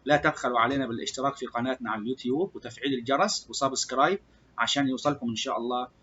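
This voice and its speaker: A man with an Egyptian Arabic accent teaching a beginner English lesson, repeating example words slowly and loudly for practice. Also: medium pitch, highs cut off, slight background noise.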